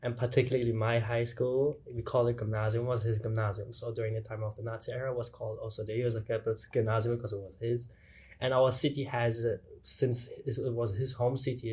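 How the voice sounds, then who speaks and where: A man's voice: mid-range voice, level tone, a little fast, darkish tone. Young man. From Germany. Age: young adult. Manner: earnest, searching for words, restarts. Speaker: student guest. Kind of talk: casual interview answers.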